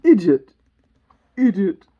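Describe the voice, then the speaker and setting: Slightly muffled lo-fi recording of a furious storybook queen. She is shrill and loud, barking commands in wide, dramatic swoops of pitch. Her delivery is slow and imperious. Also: very animated, husky, heavily acted.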